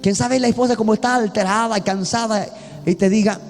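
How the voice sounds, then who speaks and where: Male pastor, fairly high voice, earnest repetitive sermon, long reverb, faint music behind. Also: fairly even intonation, a little fast. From Bolivia. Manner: earnest, repetitive preaching with many restarts.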